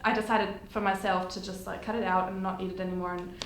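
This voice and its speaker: Talking fast in a medium-pitched, level voice, a twenty-something woman from Germany chats casually as a podcast guest, filling her speech with fillers. The recording has an echoey room sound and faint noise.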